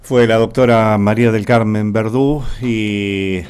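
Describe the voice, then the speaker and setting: A man with an Argentine accent hosting a radio talk show, unhurried and searching for words with frequent fillers. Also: lowish voice, steady tone, a little mellow, clean tone. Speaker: radio host.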